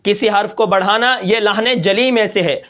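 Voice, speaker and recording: A man teaching Quran recitation rules, asking and answering his own questions, reciting example words slowly and drawn out. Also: high-pitched, fairly bright tone, lo-fi sound. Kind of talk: tajweed lesson.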